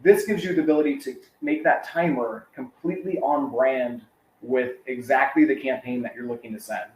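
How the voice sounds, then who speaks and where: A man's voice: mid-range voice, moderate pace, slight background noise. Chatty man presenting a webinar, roomy sound. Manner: casual, filler-heavy, conversational.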